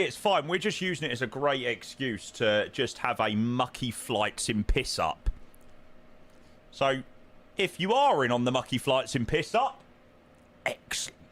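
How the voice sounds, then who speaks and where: A British man talks casually as a livestreamer. His mid-pitched voice moves up and down in an animated way, and his manner is chatty, informal and matey. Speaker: flight simulator livestreamer.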